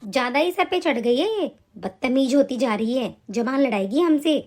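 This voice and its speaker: A woman voicing a domineering, harsh mother-in-law in an animated cartoon. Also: high voice, moderate pace, a little hiss or hum. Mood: scolding. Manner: harsh, scolding.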